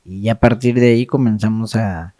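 Mellow, lowish-voiced man chatting. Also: fairly even intonation, brisk, no echo, clean studio sound. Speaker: podcast co-host. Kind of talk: casual, reflective chat.

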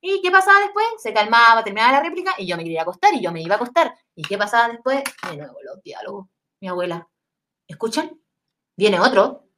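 Young chilean woman telling a story, slangy, swears a lot, kinda high voice. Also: sing-song, racing, pushed and bright. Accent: Chilean Spanish. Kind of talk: casual storytelling.

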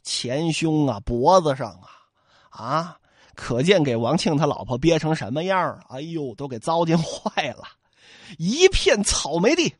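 A man's voice: on the high side, big pitch swings, measured pace, slightly rough, no echo, studio quality. A man telling a classic tale as comic storytelling, with chatty asides to his listeners.

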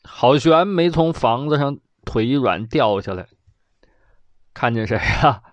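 Male storyteller, animated delivery, dry close mic. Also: medium pitch, unhurried, no room sound, muffled recording. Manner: lively, colloquial, sound effects. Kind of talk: traditional oral storytelling.

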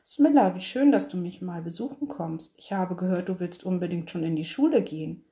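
A woman's voice: on the low side, animated, a little fast, dark tone. A woman voicing a jovial, teasing female kindergarten director in a read-aloud story.

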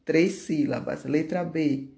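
A teacher correcting homework exercises aloud, reading answers slowly and deliberately and stretching out key words. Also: mid-range voice, steady tone, vocal fry, mellow.

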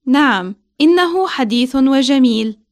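A woman with a fairly high voice co-hosts a language lesson. She is a native Arabic speaker and talks in the manner of a teaching podcast. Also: expressive, fast. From Syria. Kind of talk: scripted language lesson dialogue and chat.

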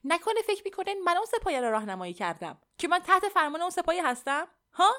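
A woman's voice: fairly high pitch, animated, natural voice. A woman voicing a defensive teenage boy who protests in a raised voice. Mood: indignant.

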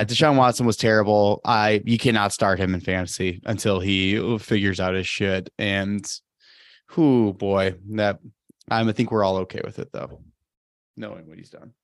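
A man's voice: fairly low pitch, a bit bright, no room sound, studio quality. A man co-hosting a casual sports podcast, jokey and teasing, laughing between points. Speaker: podcast co-host.

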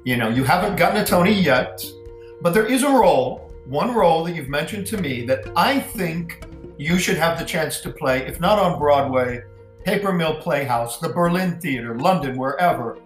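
Male host interviewing a friend, relaxed and familiar, in a roomy space. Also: on the high side, moderate pace, faint music behind. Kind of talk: casual interview.

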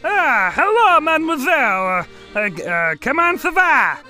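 A jittery little male cartoon critter stammers and hesitates, slipping into a clumsy fake French accent. His voice sits high and bright, swings widely in pitch, and moves at an unhurried pace. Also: very animated, soft background music, full character voice. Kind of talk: cartoon voice acting.

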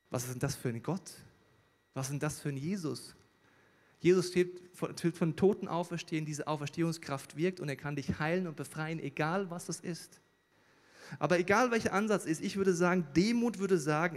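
Male pastor, animated sermon delivery, loud bursts for quoted voices, somewhat high voice, reverberant church hall.

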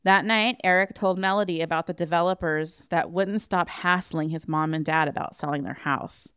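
Woman podcast host, smooth voice, dry close sound, casual movie recap with sarcastic jabs. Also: lowish voice, normal speed, a bit bright, no room sound. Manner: wry, sarcastic asides between plot summary.

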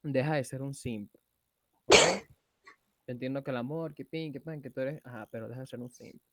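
A young man with a Venezuelan accent co-hosting a podcast, joking in slangy casual chat with loud bursts. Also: mid-range voice, a little fast, heavy background noise. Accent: Venezuelan Spanish. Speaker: podcast co-host.

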